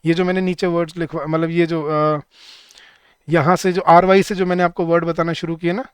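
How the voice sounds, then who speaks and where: Crisp-voiced male exam tutor, clear and drilling. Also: a little high, little pitch movement, no room sound. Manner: repeats words slowly and drills rules, asks the chat questions. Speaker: English teacher for bank exam students. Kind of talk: live online class.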